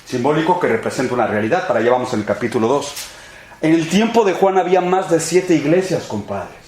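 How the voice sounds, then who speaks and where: A man's voice: on the high side, expressive, fast talker, darkish tone. A man giving an emphatic, repetitive sermon-style Bible class in a church sanctuary. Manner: emphatic, repetitive, addresses listeners as brothers and friends. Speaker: pastor teaching a Bible class. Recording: echoey church room.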